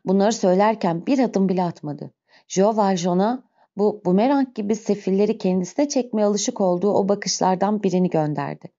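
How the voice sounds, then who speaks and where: Mellow-voiced woman narrating a novel. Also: medium pitch. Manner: steady, expressive storytelling. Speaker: audiobook narrator. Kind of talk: dramatic literary narration. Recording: slightly muffled recording.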